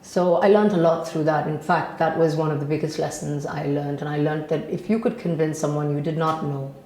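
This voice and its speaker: A woman's voice: low voice, steady tone, brisk, darkish tone, a little hiss or hum. A woman from Ghana, a guest from the energy industry, giving chatty interview answers with fillers and restarts. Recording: echoey room.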